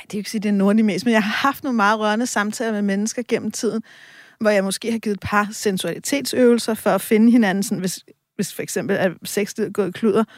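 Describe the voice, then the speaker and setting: A woman's voice: medium pitch, darkish tone, no room sound, studio quality. A woman guest on a radio talk show, explaining reflectively and giving examples. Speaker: sexologist guest.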